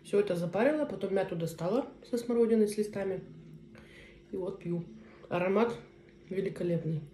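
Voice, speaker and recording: Mellow woman chatting while eating, mukbang style. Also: mid-range voice. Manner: unhurried mukbang talk while eating, in short phrases with pauses. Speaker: mukbang vlogger. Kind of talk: casual mukbang chat to viewers. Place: small indoor room at a table. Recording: roomy echo, faint noise, cutlery clinks. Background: cutlery and dishes.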